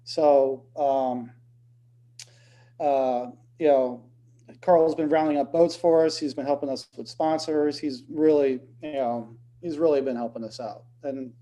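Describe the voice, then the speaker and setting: A man's voice: medium pitch, steady tone, measured pace, dark tone. A man who has just turned fifty, answering interview questions in an easygoing, rambling way with many fillers. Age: 50s. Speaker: tournament director.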